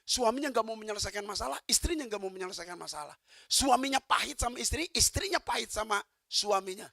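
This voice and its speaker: A pastor preaching a sermon, swinging from soft talk to fervent shouting and quizzing the congregation with quick questions. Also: mid-range voice, lively intonation, creaky, dry recording, studio quality.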